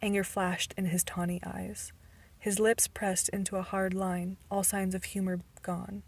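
Breathy, level amateur audiobook narrator. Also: female voice, medium pitch, flat delivery, measured pace. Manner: occasional stumbles and restarts. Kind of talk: first-person novel narration.

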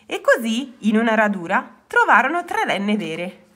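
A woman reading a children's story aloud, expressive. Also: fairly high pitch, a little slow, husky.

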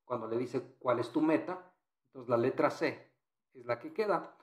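A man's voice: mid-range voice, moderate pace, echoey room. A man teaching English in Spanish, patiently walking through exam answers and repeating phrases.

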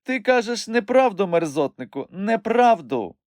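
A man's voice: high voice, big pitch swings, moderate pace, dry recording, clean studio sound, pitched above the performer's own voice. A man voicing a spirited, teasing young woman in an audiobook, with playful, mocking retorts. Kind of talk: audiobook character voice.

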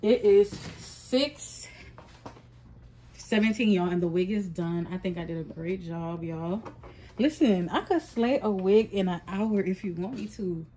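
A young adult woman who makes wigs vlogs her day, speaking a little slowly in a mellow, mid-range voice with a bit of hiss or hum in the audio. Holding her phone close at arm's length, she chats casually to camera and keeps calling out to viewers with "y'all." She moves from her home wig studio to the gym, home and a mall at night.

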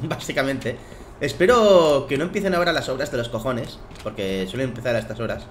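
A young man with a Spain Spanish accent, slightly hoarse from just waking, giving excitable let's play commentary full of swearing and laughter. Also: mid-range voice, moderate pace, a little hiss or hum. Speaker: gaming commentator. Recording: game music behind.

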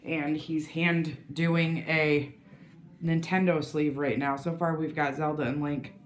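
Low-voiced woman, roomy sound. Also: flat delivery, measured pace. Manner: loose, jokey, rambling. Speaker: podcast co-host. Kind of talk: casual chat.

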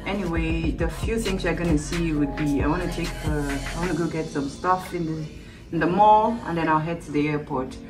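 A woman's voice: sits low, normal speed. A woman in her thirties giving a heartfelt, emotional goodbye in casual vlog talk to the camera from a few steps away indoors. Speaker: vlogger. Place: small room by a door, indoors. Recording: distant mic, music behind.

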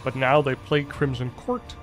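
A man casting a strategy game on his own, calm play-by-play that jumps up in pitch at big fights. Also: moderate pace, faint music behind. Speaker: esports caster. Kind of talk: solo play-by-play commentary.

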